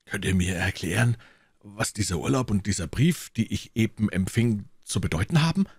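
Man voicing a calm, noble musketeer. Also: on the low side, normal speed, breathy edge, no room sound, studio quality, exaggerated voice. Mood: puzzled. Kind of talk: audiobook reading.

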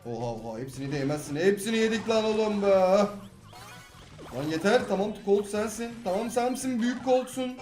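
A young man from Turkey commentating his own gameplay, jumping between loud excited outbursts and low grumbling complaints. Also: fairly quick. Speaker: gaming YouTuber. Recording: echoey room with game music.

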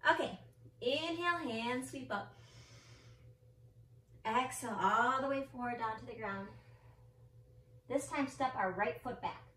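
Leading a family yoga class indoors, on a mat or carpet in front of a mirror, a woman instructor gives step-by-step cues and countdowns in an encouraging, playful way, joking with her child. Her slightly high, somewhat bright voice is unhurried with frequent pauses, but she's far from the mic, the room sounds roomy, and the audio quality is poor.

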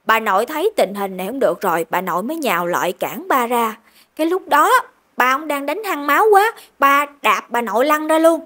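Brief: female storyteller, Southern Vietnamese, chatty and emphatic, very expressive pitch. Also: a little fast. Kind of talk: narrating a ghost story.

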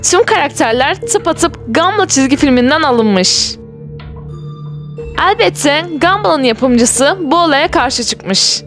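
A woman with a high, animated voice takes it slowly as she reads an enthusiastic scripted video narration, addressing viewers directly. It's a voice-over with background music running underneath.

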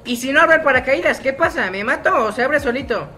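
A man's voice: very high voice, lively intonation, a little fast, sharp tone. A young man giving casual, self-mocking gameplay commentary, chatty and laughing often. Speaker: gaming YouTuber.

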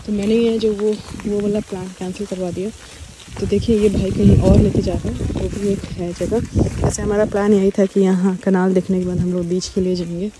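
A woman in her thirties talks through her day in a relaxed travel vlog, explaining plans straight to the viewer. She records outdoors on a phone held at arm's length, with the wind and open-air noise clearly heard behind her voice. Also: medium pitch, fairly quick. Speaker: vlogger. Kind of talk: casual travel vlog narration. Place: outdoors in a windy town and lakeside. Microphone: phone camera held at arm's length.

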